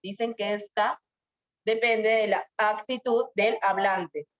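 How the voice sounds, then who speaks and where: A woman's voice: mid-range voice, fairly even intonation, slow. A young woman teaching a grammar lesson to school students, asking questions and drawing out her examples. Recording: muffled lo-fi sound.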